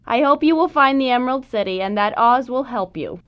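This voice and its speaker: A woman voicing a brisk, helpful mother stork in a children's storybook reading. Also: a little high, expressive, clear, resonant tone, dull audio, voice pushed up, lightly acted. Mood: kindly.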